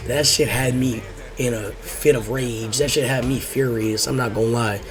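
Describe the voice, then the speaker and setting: A man's voice: medium pitch, steady tone, moderate pace, a crowd in the background. Rambling young American stoner guy. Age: young adult. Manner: laid-back stoner talk, slangy and profane; rambling, repeats phrases, drifts off track. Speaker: host telling personal stories. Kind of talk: casual rambling storytelling.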